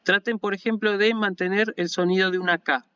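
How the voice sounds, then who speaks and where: A man with an Argentine Spanish accent gives an online lecture in a patient, explanatory way, often checking in with his listeners. His voice sits fairly high for a man and sounds smooth and resonant. The recording is dull and lo-fi. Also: fairly even intonation, fairly quick, pushed and bright, dry recording. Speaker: university lecturer in Ancient Greek.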